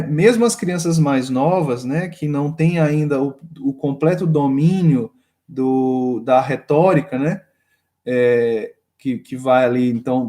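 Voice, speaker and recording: A man's voice: a little high, darkish tone. A man from Brazil teaching a course on raising children, speaking hesitantly with many fillers and restarts. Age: adult with a young daughter. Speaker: course instructor. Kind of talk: lecture on child education.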